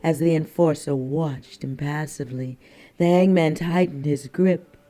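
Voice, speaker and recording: Guy reading a thriller audiobook, slow and deliberate, slightly high voice. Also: fairly even intonation, mellow. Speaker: audiobook narrator. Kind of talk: scripted thriller narration.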